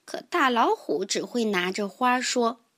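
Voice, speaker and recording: A woman telling a children's story in the first person, with expressive sighs. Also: fairly high pitch, a little slow.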